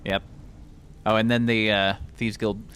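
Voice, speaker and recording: A man's voice: fairly low pitch, level tone, measured pace, fairly bright tone, slight background noise. A man giving let's play commentary with rambling, joking asides. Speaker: gamer.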